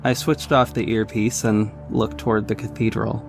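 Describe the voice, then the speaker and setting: With music playing behind him, an actor performs scripted first-person narration and dialogue as a cocky, caring young male vigilante. His gravelly voice is on the low side, his delivery flat and moderately paced, and the mood is earnest.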